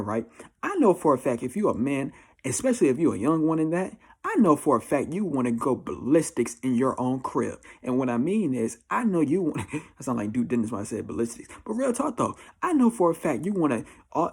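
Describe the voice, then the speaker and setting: Husky, darkish and medium-pitched, the voice belongs to an American man of twenty-four who vlogs life advice. He speaks casually and confessionally to camera. The talk is slangy, blunt and emphatic, with a habit of repeating phrases.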